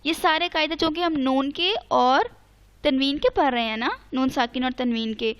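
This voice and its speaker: A woman teaching an online Quran recitation lesson, patiently explaining each rule step by step, slowly spelling out letters and mixing English words into her speech. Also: high voice. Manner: mixes English words into Urdu.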